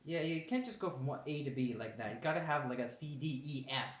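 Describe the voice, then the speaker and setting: Joking young man, slightly raised pitch. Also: dull audio. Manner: joking, quick quips. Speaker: podcast co-host. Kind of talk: casual chat. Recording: roomy home recording.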